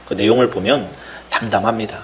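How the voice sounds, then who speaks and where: A male pastor giving a sermon, telling a story and acting out its dialogue, rising to loud outbursts and dropping to near whispers. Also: lowish voice, steady tone, fairly quick. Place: church sanctuary.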